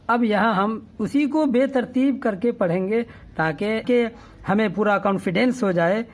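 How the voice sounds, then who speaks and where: A man teaching the Urdu alphabet step by step, patiently repeating each vowel sound and often checking in with the learner. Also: high-pitched. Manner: patient, repetitive, checks with "okay?".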